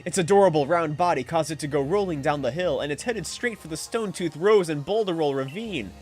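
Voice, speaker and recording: Man doing a worried villager, pleading, high-pitched. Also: brisk, darkish tone, lightly acted. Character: worried villager who lost a pet.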